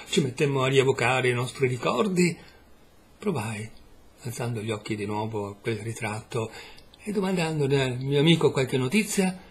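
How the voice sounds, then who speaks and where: A man narrating a literary short story in a measured, expressive way. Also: mid-range voice, breathy edge. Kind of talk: literary audiobook reading.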